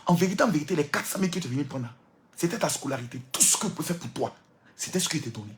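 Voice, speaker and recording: A man's voice: fairly high pitch, animated, very fast. A man preaching a fiery, scolding sermon rant, repetitive and mocking.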